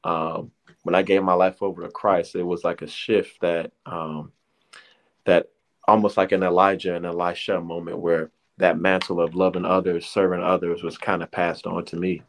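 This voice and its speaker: In a deep voice at a normal speed, with a flat delivery, a man in his thirties from around Detroit, USA, gives a casual personal testimony. As an interview guest he rambles through his life story, restarting frequently and speaking in slang.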